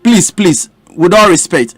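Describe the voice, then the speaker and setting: A man's voice: sits high, animated, a little slow, slightly rough, no echo. A Ghanaian man, a lawmaker, arguing indignantly and pressing his point in a heated radio debate.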